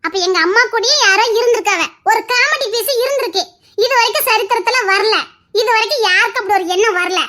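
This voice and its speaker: An actress playing a childlike, scheming young woman in a TV serial, with a very high, girlish voice that swings between sly plotting and tearful pleading. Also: quick pace, sharp tone. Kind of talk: TV serial acting.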